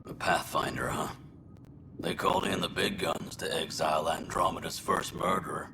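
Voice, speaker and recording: In a video game, an actor voices a weary, resigned colonist jailed for murder, speaking haltingly and in a subdued way. The male voice is extremely low with vocal fry, the mood bitter and wry, and the recording very noisy.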